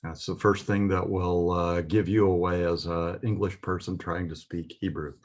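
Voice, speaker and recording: A man's voice: sits low, level tone, moderate pace. A man giving a patient, methodical alphabet lesson, working through a text letter by letter. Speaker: Hebrew teacher. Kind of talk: slow spoken alphabet lesson.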